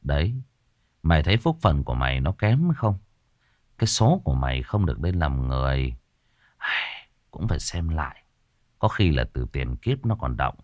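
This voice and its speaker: A man playing a stern young exorcist master who questions a ghost in a low, gruff, clipped voice. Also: animated, normal speed, dry recording, clean studio sound. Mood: stern, pitying.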